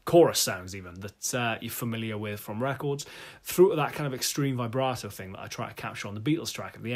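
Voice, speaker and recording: A man with a Welsh accent from South Wales, chatting enthusiastically as a guitarist reviewing gear in a casual vlog. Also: mid-range voice.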